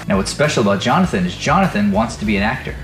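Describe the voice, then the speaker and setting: This man's voice sits on the low side and races along, very animated, as he tells motivational stories on his podcast. An acting teacher and host, he speaks earnestly, emphatically and conversationally, with soft music behind him.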